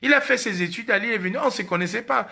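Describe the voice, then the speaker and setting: A Cameroonian man with a Cameroonian French accent speaks in a high, sharp and gravelly voice. He hosts a casual live stream and drives each point home by repeating it. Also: fast talker. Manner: emphatic, repeats key phrases.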